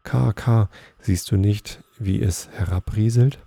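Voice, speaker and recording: A man's voice: low voice, fairly even intonation, normal speed, gravelly, mellow, no room sound. A man voicing a sorrowful old male elk who calls out urgently in a storybook reading. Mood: urgent, mournful.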